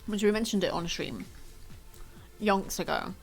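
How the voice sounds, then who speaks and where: Faint music sits behind a young woman who rambles self-deprecatingly as she chats casually to her stream viewers from home. She speaks at a medium pitch and a slightly slow pace.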